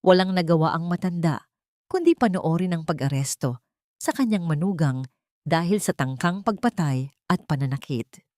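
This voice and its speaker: In a studio-quality recording with no room sound, a Filipino-accented woman reads a dramatic story aloud as its narrator. She speaks at a moderate pace in a lowish, expressive voice with a darkish tone.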